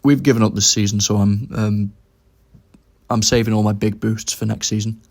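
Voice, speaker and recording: Young male gamer with a low voice, talking through his plays casually. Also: steady tone, normal speed, darkish tone. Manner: thinks aloud about his moves. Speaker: game commentator. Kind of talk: casual gameplay commentary.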